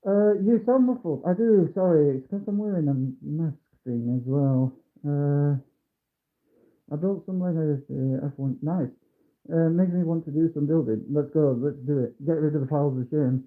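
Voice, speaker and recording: A man with a slightly high voice, speaking at normal speed, livestreams as he builds a kit, mumbling and humming to himself. His voice sounds muffled, as if through a mask or a wall, and the phone mic gives tinny, muffled audio.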